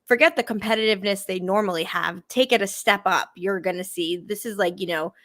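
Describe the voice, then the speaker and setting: A woman's voice: medium pitch, a little fast, a bit bright, dry recording. A woman, hosting a casual live sports stream, upbeat and chatty, full of "you know" and "like". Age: 20s. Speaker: sports show host.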